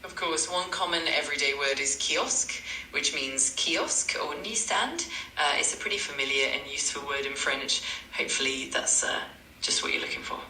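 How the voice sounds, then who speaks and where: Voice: medium pitch, normal speed, bright, forceful tone, reverberant, distant mic, slight background noise, rough recording. A synthetic AI language tutor voice, polite and eager to please, repeating stock phrases. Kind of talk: chatbot tutoring replies.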